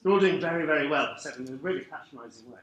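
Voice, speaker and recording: A man giving a live lecture to a room of teachers, lively and wry, putting questions to the audience. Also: fairly high pitch, rapid-fire, dull audio. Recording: echoey room, faint background noise.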